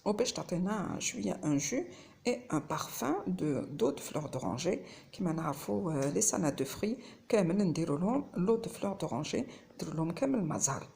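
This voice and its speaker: A woman's voice: fairly low pitch, big pitch swings, quick pace, creaky, mellow, a little hiss or hum. A woman with an Algerian accent mixing Arabic and French, chatting casually through a home cooking vlog. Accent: Algerian Arabic mixed with French.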